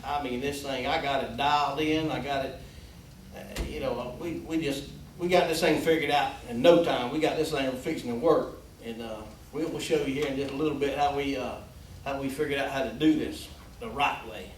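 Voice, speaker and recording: A man's voice: mid-range voice, fairly even intonation, normal speed. A man hosting in a folksy, easygoing way, talking casually with plenty of hesitant fillers. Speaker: host. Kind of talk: casual talk and storytelling. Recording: echoey room, distant mic, faint hiss.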